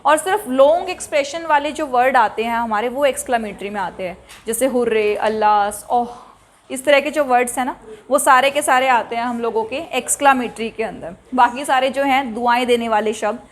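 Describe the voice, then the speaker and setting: A woman teacher giving a classroom lecture, quizzing her students, calling for quiet and mixing in English example sentences. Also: high voice, fairly quick. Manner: mixes Hindi explanation with English example sentences.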